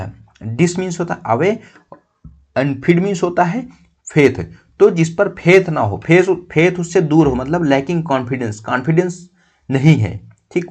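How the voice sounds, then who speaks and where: A man's voice: on the high side, animated, normal speed, darkish tone, husky. A man teaching an exam-prep vocabulary lesson, explaining each word step by step and checking in with the class as he goes.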